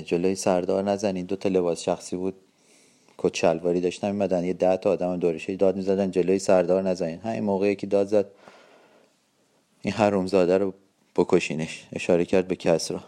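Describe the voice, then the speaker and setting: A man's voice: on the low side, mellow. A man giving a personal eyewitness account, telling it vividly with tense quoted dialogue.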